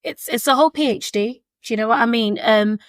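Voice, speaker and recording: Her voice sits on the high side and moves fairly quickly as this Zimbabwe-born, Leeds-raised woman in her 20s answers the hosts' questions across the table. An education consultant appearing on a podcast, she reflects earnestly and repeats words as she thinks. The recording is dry.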